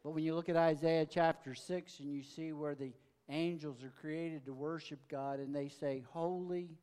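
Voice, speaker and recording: Male preacher, high voice, scripture reading into a pulpit mic. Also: fairly even intonation, normal speed, clean tone. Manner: reads with rising, forceful emphasis. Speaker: pastor. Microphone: mic checked aloud.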